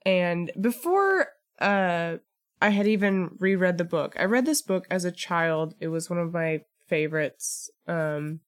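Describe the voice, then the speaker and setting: A woman co-hosting a podcast in casual chat, animated and joking, with quick asides. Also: on the low side. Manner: chatty, animated, quick asides and self-deprecating jokes. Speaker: podcast co-host.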